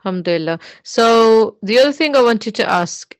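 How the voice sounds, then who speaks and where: A woman's voice: fairly high pitch, animated, moderate pace, no room sound. A woman, hosting a casual chat and encouraging her guest with frequent listening cues. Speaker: host.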